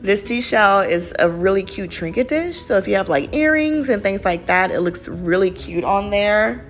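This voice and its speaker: A woman's voice: mid-range voice, lively intonation, moderate pace. Chatty woman. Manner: chatty and rambling, lots of fillers. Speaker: craft vlogger. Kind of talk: casual voice-over narration. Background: faint background music.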